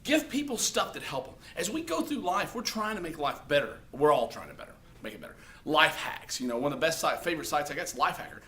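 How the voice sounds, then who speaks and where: His voice is a little high and sing-song, bright and forceful, and he talks fast with almost no pauses. Speaking casually to the camera, he dispenses blunt, profane social-media advice, tagging lots of lines with "okay?"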